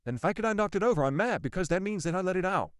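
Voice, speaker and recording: Animated man telling a spooky story. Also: high voice, racing, clean tone, no room sound, clean studio sound. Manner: animated, repeats himself, swears, addresses viewers directly. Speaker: vlogger. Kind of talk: casual storytelling to camera.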